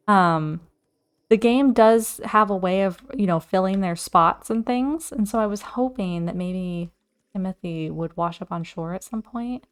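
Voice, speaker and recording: Let's play host, woman, mid pitch, casual and chatty, easily excited. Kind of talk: casual gameplay commentary.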